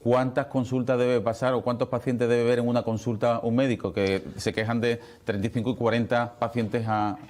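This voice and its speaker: A man's voice: medium pitch, level tone, normal speed, few pauses, a little mellow. A man putting questions as an interviewer.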